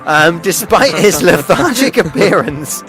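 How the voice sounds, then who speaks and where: A man's voice: high-pitched, big pitch swings, a little slow, over music. A man hosting a local radio show, reading out odd news stories in a casual, joking way with frequent chuckles and ums. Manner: chuckles often, lots of ums and uhs. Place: radio studio.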